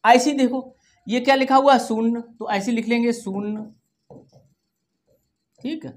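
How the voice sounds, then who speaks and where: Slow, patient woman teaching children maths. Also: fairly high pitch, fairly even intonation, a little mellow. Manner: slow and patient, repeats numbers digit by digit; keeps checking in with "theek hai". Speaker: primary school maths teacher. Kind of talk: classroom lesson for children.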